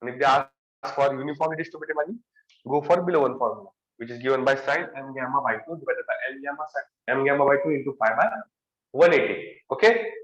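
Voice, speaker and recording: A man's voice: medium pitch, fast, fairly bright tone, reverberant, lo-fi sound. A young man with a Marathi accent giving an exam-prep lecture, repeating key phrases and stressing words. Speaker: engineering lecturer.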